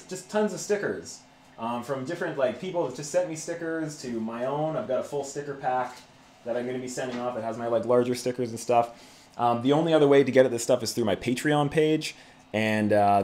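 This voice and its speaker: A man's voice: mid-range voice, a little mellow. A man hosting a casual livestream, chatting to viewers in a laid-back, conversational way. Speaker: YouTube channel host.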